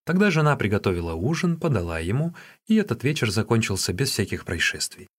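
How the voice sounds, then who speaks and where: A man's voice: on the low side, sing-song, fast, slightly rough. A man reading an audiobook aloud, telling the story expressively. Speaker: narrator.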